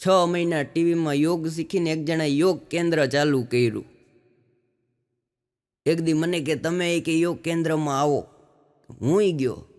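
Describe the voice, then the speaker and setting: A man tells folksy comic stories on stage, slipping into dialogue as he goes. His voice sits a little high, and it rings with the long reverb of a big hall. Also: darkish tone. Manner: folksy storytelling, acts out dialogue. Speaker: stand-up comedian. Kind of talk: live stand-up storytelling.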